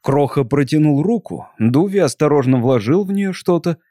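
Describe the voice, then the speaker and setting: A man reads a story aloud with calm, measured pacing. His tone is mellow and dark, set against a dry, close recording with no room echo. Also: on the high side. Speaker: narrator. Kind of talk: audiobook reading.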